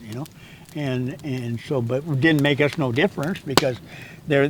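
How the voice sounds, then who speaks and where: A man's voice: mid-range voice, darkish tone, slight background noise, rough recording. Stammering eighty-year-old outdoorsman. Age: 80s. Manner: rambling, stammers and repeats words. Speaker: interviewed guest, hunting guide. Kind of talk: casual storytelling chat. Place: outdoors in a canyon.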